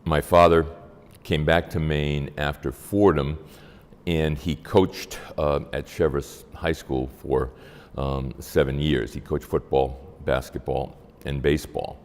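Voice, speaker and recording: An older man, reminiscing in a halting, measured way with frequent pauses. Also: a bass voice. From Massachusetts, United States. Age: 70s or older. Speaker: interviewee. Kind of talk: oral history reminiscence. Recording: long hall-like reverb.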